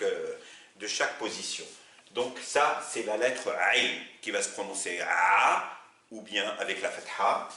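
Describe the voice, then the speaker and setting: A man teaching an Arabic lesson, explaining slowly and patiently. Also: roomy sound. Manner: slow, patient explaining with lively pitch. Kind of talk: video lesson.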